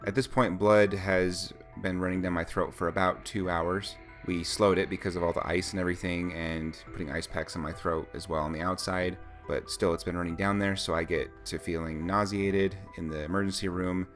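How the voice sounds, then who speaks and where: A man with a low-pitched voice talks as a vlogger sharing his own experience and tips. His delivery is conversational and informal, explaining things plainly as he goes. Faint music plays behind his voice. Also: steady tone, normal speed, hardly any pauses. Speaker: vlogger recounting a personal experience. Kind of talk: casual chat, first-person account with advice.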